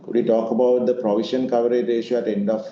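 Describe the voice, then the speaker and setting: The recording is muffled, echoey and noisy as a man leading an earnings call responds to investors semi-formally. He talks quickly at medium pitch with little movement in his intonation.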